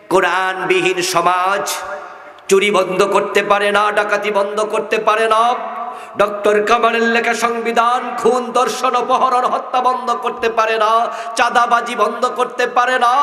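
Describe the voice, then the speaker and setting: A man's voice: very high voice, pushed and bright. A Bangladeshi man, an Islamic preacher, praying in a sermon while crying and sobbing. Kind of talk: tearful prayer in a sermon. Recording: echoey hall with long reverb.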